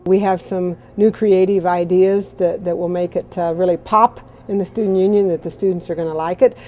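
A woman's voice: fairly low pitch, steady tone, a little fast, dark tone, dull audio, a little hiss or hum. A woman from a college foundation, talking enthusiastically and chattily on camera in a large indoor hall. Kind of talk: on-camera interview.

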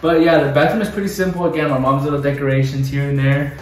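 A man in his twenties vlogs a casual house tour through small bathrooms and bedrooms, slipping Spanish words into his English. His medium-pitched, darkish voice is level and fast. It's recorded from a few feet away on a handheld camera or phone held by someone else, giving a roomy echo.

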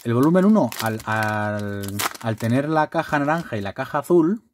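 Excitable man opening cards. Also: medium pitch, moderate pace, noisy background. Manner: bursts into loud swearing excitement over rare pulls; chatty, rambling, restarts often. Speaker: card collector vlogger. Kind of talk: casual unboxing chat.

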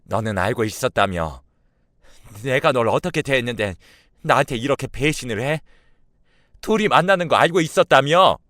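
A man voicing a proud, snobbish middle-aged mother with a scolding, shrill edge. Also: animated, normal speed, fairly bright tone, no room sound, clean studio sound, lightly acted. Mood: furious. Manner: scolding, shrill when angry.

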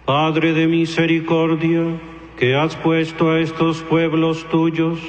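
A man leading Mass as priest, praying and intoning the liturgy in a slow, measured chant under a cathedral echo. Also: on the high side, monotone. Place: large church. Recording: dull echoey church recording with music.

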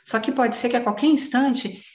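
A woman's voice: fairly high pitch, normal speed. Woman explaining mindfulness, roomy dull audio. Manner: lively, warm, uses personal examples. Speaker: guest speaker on mindfulness. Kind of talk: explanatory talk in an online meeting.

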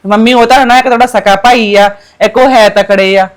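A woman's voice: on the high side, fairly even intonation, a little fast. A young woman with a Punjabi accent acting a tearful, pleading sister in a village drama. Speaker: married daughter visiting cousin for Rakhi.

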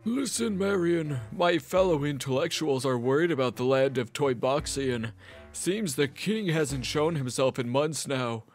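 A man voicing a blunt, scheming male mentor in a game, hushed, curt and dismissive. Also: medium pitch, natural voice.

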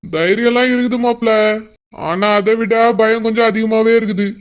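A man's voice: high-pitched, fairly even intonation, moderate pace, smooth, natural voice. A man voicing a worried older father-in-law in a cartoon, lamenting his missing daughter. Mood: anxious. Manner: anxious, lamenting.

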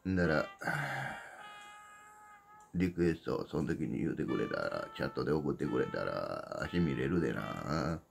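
A man's voice: rumbling low, very animated, normal speed, creaky. A man with a Kansai accent, casually announcing his upcoming livestream in a blunt, rambling way that repeats itself. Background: background music.

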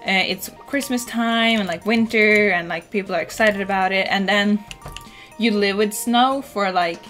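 With a Norwegian accent, a mid-range voice and a moderate pace, this young streamer from Norway chats casually with her audience as she plays a farming game. She's at home indoors, leaning heavily on "like" and letting out an occasional swear, with soft game music behind her.

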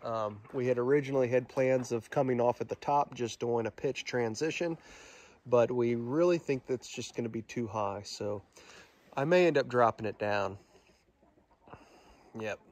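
A man in his thirties, outdoors at a building site, casually explaining the work he is doing, relaxed and thinking aloud. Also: medium pitch, moderate pace. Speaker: DIY barn builder.

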